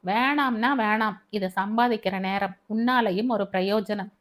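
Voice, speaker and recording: Lady narrator doing a sneaky abusive husband, bossy then sugary, audiobook, normal pitch. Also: measured pace, natural voice. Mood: cold commanding. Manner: shifts between cold orders and tearful sweet talk. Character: manipulative abusive young husband, scheming and false.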